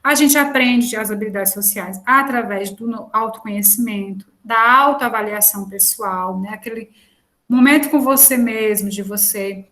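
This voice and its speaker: A woman's voice: mid-range voice, normal speed, pushed and bright. A woman giving an online lecture in a conversational way, with frequent fillers and restarts.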